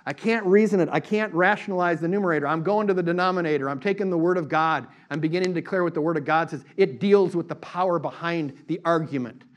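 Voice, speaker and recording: A middle-aged male pastor preaching a sermon in a lively, conversational way, mixing casual asides with fervent declarations. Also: fairly high pitch, fast talker, hardly any pauses. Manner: animated preaching, acts out voices in quotes.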